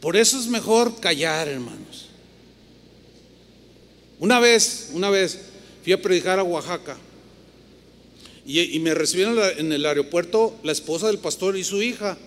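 A middle-aged man with a Mexican Spanish accent, preaching a sermon as pastor and telling stories with lively voices for the people in them. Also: sits high, normal speed, pauses often. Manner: animated storytelling, voices other people's lines. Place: church hall with long reverb. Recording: reverberant hall, faint noise.

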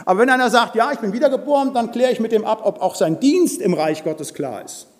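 An older man delivers a forceful, blunt sermon in a church hall. His voice sits high for a man. A long reverb trails his words through the room. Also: lively intonation, fairly quick. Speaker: preacher.

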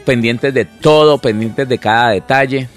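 Man talking slowly, faint music. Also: mid-range voice. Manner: acts out spouses in quoted dialogue, repeats words often. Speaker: minister, co-host.

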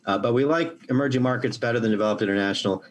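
An American man speaking as an analyst in unscripted podcast commentary, with measured, hesitant phrasing. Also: medium pitch, slight background noise.

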